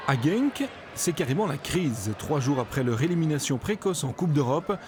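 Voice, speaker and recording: A man's voice: fairly high pitch, very animated, moderate pace, background noise. A man reading scripted narration for a football season review. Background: music.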